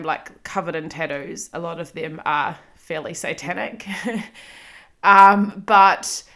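With a fairly low voice that sounds pushed and bright, a woman in her thirties from New Zealand runs a solo podcast episode. She keeps things chatty and self-deprecating, with frequent ums and quick little laughs.

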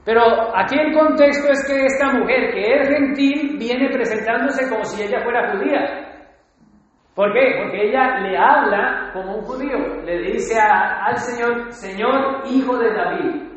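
A man's voice: very high-pitched, moderate pace. A man preaching a sermon, often putting rhetorical questions to his congregation. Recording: echoey hall, dull lo-fi sound.

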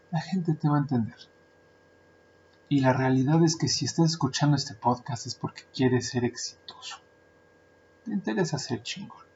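In a dull lo-fi recording with a little hiss or hum, a man with a slightly mellow, mid-range voice and a Mexican Spanish accent delivers a casual podcast monologue. He works as a translator and interpreter and keeps things chatty and jokey, using lots of filler words.

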